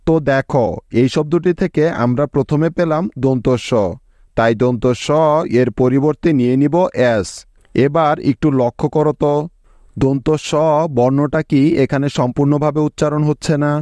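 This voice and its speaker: A man teaching English reading and spelling step by step in a slow, patient lesson, often checking that the learners follow. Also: fairly high pitch, fairly even intonation, mellow, dry recording.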